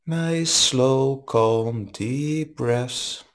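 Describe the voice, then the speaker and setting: A man leading a guided meditation as a teacher, speaking in a calm, soothing manner with long pauses. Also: medium pitch. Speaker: meditation teacher leading a live online session.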